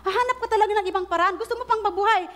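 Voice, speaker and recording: A woman preacher, telling a story in her sermon with animated delivery and English phrases mixed in. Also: extremely high pitch, very fast. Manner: animated storytelling, acting out quoted prayers; mixes Tagalog with English phrases.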